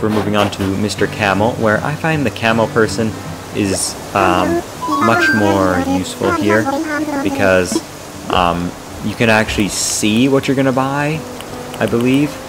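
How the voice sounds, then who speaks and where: A man giving casual game commentary, rambling and filling pauses with "um" while he talks to his viewers. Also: low voice. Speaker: gameplay vlogger. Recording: loud game music behind.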